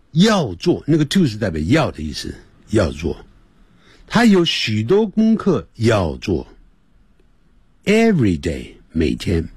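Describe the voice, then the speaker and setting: A man teaching English on a radio lesson, explaining patiently and repeating words slowly for pronunciation. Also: fairly low pitch, a little mellow, husky, no room sound.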